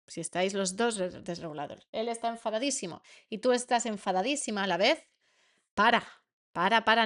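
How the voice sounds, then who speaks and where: A woman's voice: fairly high pitch, fairly bright tone. A woman with a Spain Spanish accent, teaching a masterclass to parents as a coach, earnest and repeating words for emphasis.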